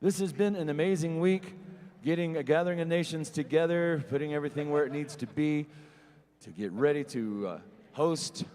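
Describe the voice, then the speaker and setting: A man's voice: fairly high pitch, moderate pace, darkish tone. A man working as a powwow emcee, making announcements over a PA in a folksy, joking way, talking straight to the crowd. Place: large echoing venue. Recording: long reverberant arena PA sound.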